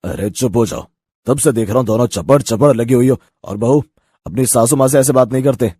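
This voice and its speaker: पुरुष द्वारा शांत कराते ससुर जी. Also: male voice, mid-range voice, fairly quick, husky, lightly acted. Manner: calm, hushing others. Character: stern older father-in-law.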